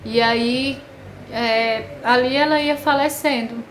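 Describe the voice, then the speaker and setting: Brazilian woman vlogging a sad story, kinda high voice, stops and starts a lot, echoey room w faint background hum. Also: fairly even intonation. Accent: Brazilian Portuguese. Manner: emotional, halting, many fillers and pauses. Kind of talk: personal story told to camera.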